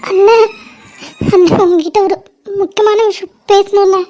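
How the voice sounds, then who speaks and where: A sobbing cartoon aunt begging for help, played by a woman. Her voice is very high and thin and barely moves in melody. She keeps pleading through tears. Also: fairly even intonation, moderate pace, dark tone, soft background music. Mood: tearful. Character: distraught aunt pleading over the phone, tearful. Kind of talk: cartoon voice acting.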